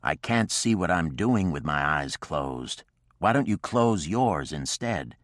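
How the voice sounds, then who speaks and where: A man's voice: deep voice, lively intonation, slow, no echo, clean studio sound. A man voicing a stern, patient frontiersman in an audiobook, speaking in a curt, matter-of-fact way.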